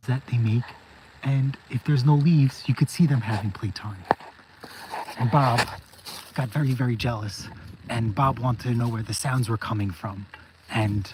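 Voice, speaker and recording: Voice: mid-range voice, darkish tone, a little hiss or hum, poor audio. A diesel mechanic vlogging a casual walk-through of their machines, rambling and joking, often repeating phrases.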